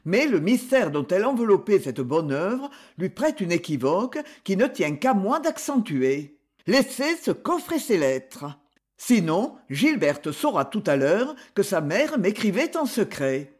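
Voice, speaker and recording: Brief: a reader playing a rough young man, curt and threatening. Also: mid-range voice, big pitch swings, unhurried. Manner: curt and harsh. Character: rough, angry young gentleman. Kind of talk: audiobook character voice.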